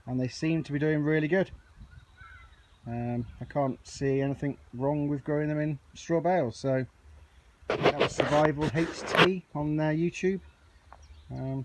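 This male amateur gardening vlogger has a fairly high-pitched voice with a darkish tone. He chats casually through an impromptu tour of his allotment, shot outdoors on a handheld camera or phone, and the recording is noticeably noisy.

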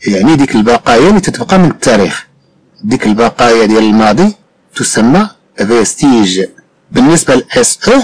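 Man, Moroccan Arabic accent, teacher, lively pitch, husky tone, repeats each sound. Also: rough recording. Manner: patient, repeats sounds and examples slowly. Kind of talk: French phonics lesson explained in Moroccan Arabic.

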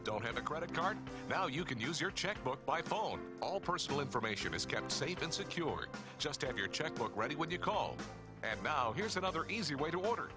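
Lively male home shopping host over loud music. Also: fairly high pitch, a little fast. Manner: home shopping host delivery, urgent selling. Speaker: infomercial announcer. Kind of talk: scripted home shopping sales pitch. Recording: loud music bed under voice.

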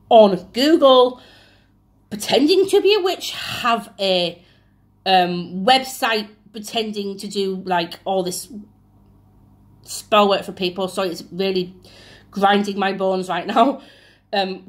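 A woman who works as a witch, ranting indignantly in a vlog, swearing bluntly and using frequent ums. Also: medium pitch. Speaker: self-described witch offering spell work. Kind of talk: angry vlog rant.

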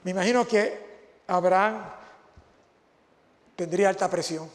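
High-voiced preacher in echoing hall. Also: male voice, unhurried. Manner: impassioned, rhetorical preaching with repeated phrases. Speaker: pastor preaching at a graduation. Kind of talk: sermon. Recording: long hall reverb.

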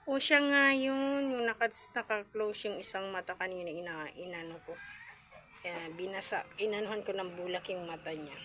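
A woman's voice: mid-range voice, normal speed, background noise. A woman vlogging casually at home about her cats, chatty and cooing baby talk at the kittens.

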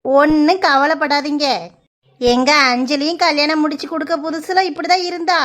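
Woman as brisk, high-voiced village mother-in-law in a cartoon, southern Tamil dialect. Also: a bit bright. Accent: southern Tamil Nadu (Tirunelveli) dialect. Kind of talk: cartoon voice acting.

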